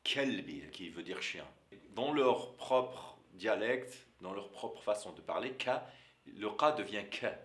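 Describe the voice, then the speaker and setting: Lively, bright-voiced teacher. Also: male voice, fairly low pitch, roomy sound. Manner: repeats sounds and words slowly for learners. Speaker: Algerian Arabic teacher. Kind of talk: pronunciation lesson.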